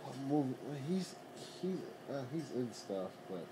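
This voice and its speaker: A man's voice: medium pitch, big pitch swings, normal speed, background noise. A man chatting casually and jokingly with friends, slangy and profane, often prodding with questions.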